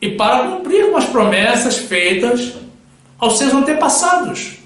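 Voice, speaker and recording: A man's voice: very high voice, very animated, a little slow, a bit bright. A male preacher delivering a solemn sermon with Bible readings, addressing his listeners as brothers. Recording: very echoey room.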